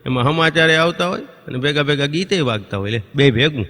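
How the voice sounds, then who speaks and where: This comedian's fairly high voice is pushed and bright, with lively intonation, during his on-stage folk routine. He tells stories and jumps into quick impressions of neighbours and children, recorded with a stage hall's long reverb.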